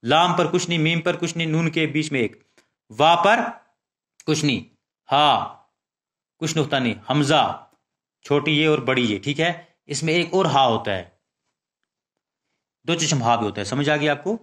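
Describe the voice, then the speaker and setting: A man teaching young children the alphabet, reciting letters slowly and often checking that they understand. He speaks Urdu with a Pakistani accent. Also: fairly high pitch, fairly bright tone. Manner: slow, drawn-out recitation with frequent check questions.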